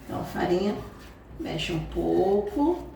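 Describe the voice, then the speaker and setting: Very animated yet measured in pace, this woman's low, dark voice has vocal fry and a Brazilian Portuguese accent. The Brazilian cooking channel host leads a home kitchen lesson, chatting through each step and checking in with viewers often. The echoey recording, made from far away, has a little hiss or hum.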